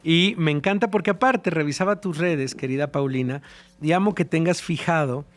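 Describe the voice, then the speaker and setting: A man's voice: on the high side, moderate pace. A man, hosting a casual podcast in a friendly, affectionate way. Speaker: podcast host.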